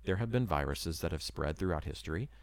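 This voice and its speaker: Low-voiced earnest man, dry sound. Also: animated, a little fast, no echo. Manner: rambling, full of hedges and "you know". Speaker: missionary preparing to move abroad. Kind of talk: casual talk to camera.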